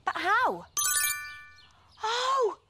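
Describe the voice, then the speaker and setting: A woman playing a cheerful, helpful young doctor in a children's TV show, talking in an animated, encouraging way. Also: very high voice, very slow, over music, heavily acted. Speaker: doctor character. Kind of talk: children's TV acting.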